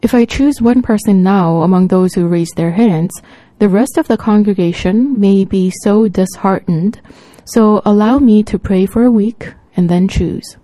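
A woman's voice: medium pitch, unhurried, hardly any pauses, dark tone, dry recording, lightly acted. A woman voicing an earnest pleading pastor. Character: anxious male senior pastor pleading for a kidney.

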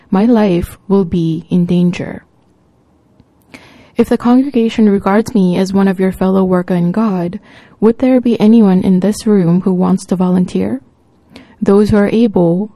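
A woman voicing an anxious senior pastor who earnestly appeals to his congregation in a halting way. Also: mid-range voice, steady tone, dark tone, dry recording, lightly acted. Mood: pleading. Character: anxious male senior pastor pleading for a kidney.

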